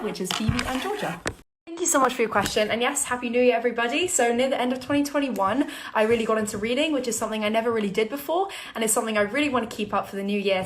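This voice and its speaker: A teenage girl from New York City answers fan questions in a bubbly, giggly, chatty Q&A vlog filmed in her bedroom. Her accent is mostly British with occasional American traces, and her voice is on the high side, in an echoey room with background noise.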